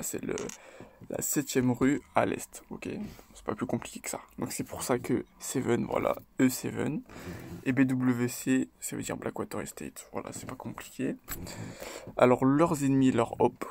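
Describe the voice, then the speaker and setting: A man hosting his own video, talking through rap lyrics in a loose, chatty way, hesitating often and tagging his points with quick check-ins. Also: mid-range voice, gravelly, a little mellow, slight background noise. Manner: loose and chatty, tags lines with "ok?" and "voilà"; hesitant, with frequent fillers and restarts. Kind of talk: casual spoken commentary.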